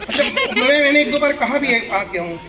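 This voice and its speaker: A man's voice: extremely high pitch, brisk. A middle-aged man doing live stand-up comedy. He chats and jokes, and he acts out the people in his stories. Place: event hall before an audience. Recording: live show with crowd noise. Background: audience laughter.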